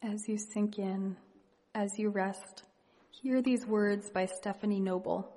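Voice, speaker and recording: A woman leading a guided meditation and reading reflective poetry in a hushed, gentle, unhurried manner with long pauses. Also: mid-range voice, steady tone. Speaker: meditation leader. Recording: long reverberant hall echo.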